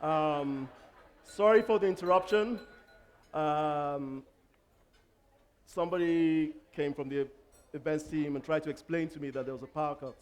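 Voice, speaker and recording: Higher-voiced man hosting onstage. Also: a little slow. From Lagos, Nigeria. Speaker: interviewer, event moderator.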